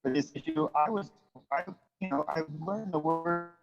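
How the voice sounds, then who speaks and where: A man's voice: a little high, vocal fry. Man on a choppy, cutting-out video call. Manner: halting, apologetic, many fillers. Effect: choppy connection, audio cutting out mid-sentence. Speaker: public commenter at a council meeting. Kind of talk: hesitant public comment. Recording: muffled, echoey video call with faint music.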